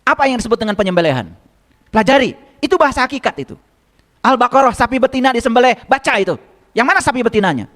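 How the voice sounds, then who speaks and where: Male religious teacher, sermon, strikingly high voice, chatty delivery full of rhetorical questions to the congregation. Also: lively intonation, very fast, a bit bright. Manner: conversational, repeats phrases for emphasis.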